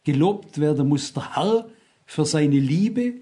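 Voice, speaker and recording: A man's voice: on the high side, animated, takes it slowly, mellow. A man in his sixties preaching a sermon, emphatic and constantly asking his listeners rhetorical questions.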